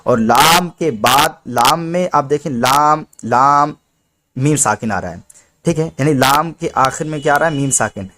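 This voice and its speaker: A man's voice: fairly high pitch, pushed and bright. Patient male Quran reading teacher. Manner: patient, explanatory, drawn-out chanted letter names. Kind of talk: step-by-step recitation lesson.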